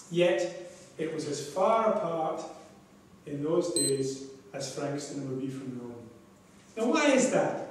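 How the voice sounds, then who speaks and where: An older man speaks slowly and deliberately from a distance, his fairly high voice ringing around a large echoing hall. A faint hiss of room noise sits behind him. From Scotland. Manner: measured storytelling with pauses. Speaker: club speaker. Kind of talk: prepared club speech. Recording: echoey hall from far off.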